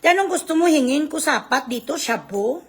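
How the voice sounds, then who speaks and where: A woman on a livestream, launching into a profane, insulting tirade and at times shouting. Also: high voice, brisk. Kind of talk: angry livestream rant.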